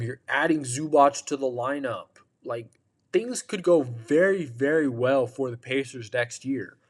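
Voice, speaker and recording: Unhurried, tired man giving sports takes. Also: medium pitch. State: tired, yawning. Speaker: podcast host. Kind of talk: casual sports commentary.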